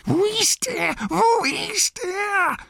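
A male narrator voicing a wretched, greedy cave creature who shrieks, hisses and wails in a slow, drawn-out way. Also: a little high, wildly swooping pitch, gravelly, a bit bright, no echo, studio quality, pitched above the performer's own voice, heavily acted. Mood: wailing, frantic.

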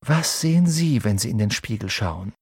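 A man voicing an earnest, somewhat shy young boy wizard, pitching his voice up and speaking hesitantly, in a storybook reading. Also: expressive, moderate pace, darkish tone, husky, no room sound, studio quality.

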